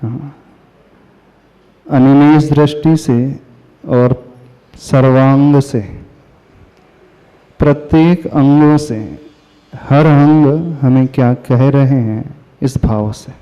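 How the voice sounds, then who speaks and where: A man, a Jain monk, delivering a devotional sermon, asking his listeners questions and chanting verses slowly. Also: medium pitch. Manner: slow, asks the audience questions. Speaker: Jain monk giving a discourse. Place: hall with listeners. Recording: reverberant hall, dull lo-fi sound.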